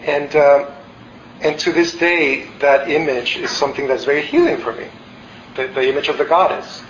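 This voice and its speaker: This is a fairly high, slightly bright male voice at a moderate pace, with a little background noise. He's a meditation teacher from El Salvador in his forties, giving an honest, thoughtful dharma talk with plenty of fillers and false starts. It was recorded in a meditation hall that sounds roomy and slightly muffled.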